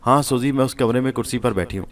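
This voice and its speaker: A man's voice: mid-range voice, natural voice. A man voicing a mischievous invisible female spirit who teases and laughs. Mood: teasing. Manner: teasing, amused.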